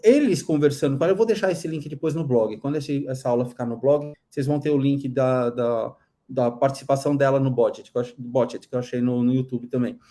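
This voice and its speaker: A man's voice: mid-range voice, fairly quick, warm tone. A man with a Brazilian Portuguese accent, teaching aesthetics professionals in a casual live class, blunt and critical, often restarting phrases. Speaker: dental aesthetics instructor.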